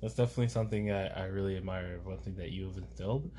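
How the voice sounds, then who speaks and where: A man's voice: sits low, fairly even intonation, rapid-fire, mellow, slight background noise. A man co-hosting a casual faith and parenting conversation, talking earnestly and reflectively, often restarting his sentences. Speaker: podcast co-host, parent.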